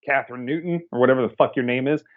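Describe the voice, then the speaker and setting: Speaking at a racing pace in a medium-pitched voice, a man co-hosts a laid-back movie review podcast, riffing with sarcasm and plenty of swearing. The audio is lo-fi and a little dull.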